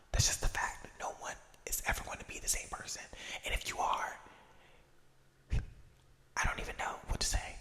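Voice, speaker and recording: Echoing ASMR whisper, gender unclear. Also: darkish tone. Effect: echo effect on the voice. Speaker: ASMR video creator. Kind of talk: whispered ASMR rambling, casual personal chat. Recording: long echoing reverb on whisper.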